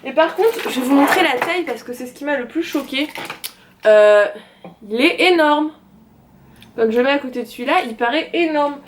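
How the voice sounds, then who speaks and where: A young French woman, a craft vlogger, shows off her craft purchases in a casual haul video, chatting in a self-mocking way full of sighs and fillers. Her voice is high, with a little hiss or hum.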